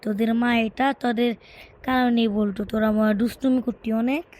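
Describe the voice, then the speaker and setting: A woman's voice: fairly high pitch, steady tone, fairly quick, darkish tone, a little hiss or hum, natural voice. A woman voicing an exasperated, scolding female interviewer. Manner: scolding, impatient. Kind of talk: comic cartoon dub.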